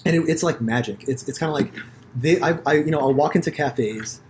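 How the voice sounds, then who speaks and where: A man from the United States hosting a podcast, telling stories in a rambling, profane, animated way with many restarts. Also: on the high side, brisk, a little hiss or hum. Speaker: podcast host. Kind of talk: casual conversation.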